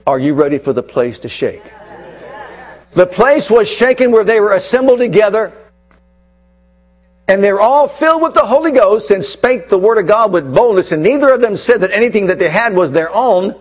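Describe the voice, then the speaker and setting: A man preaching a sermon, repeating phrases for emphasis and swinging between loud declarations and hushed asides. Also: high-pitched.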